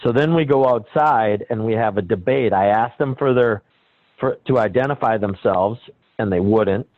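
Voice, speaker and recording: Animated male caller on a tinny phone line. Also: lowish voice, normal speed, dry recording. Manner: animated storyteller acting out quoted people. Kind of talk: telling a personal story.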